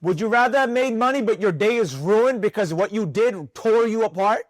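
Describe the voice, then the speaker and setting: A man teaching a live trading class, animated and constantly questioning the room. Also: high voice, moderate pace, dry recording. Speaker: trading instructor.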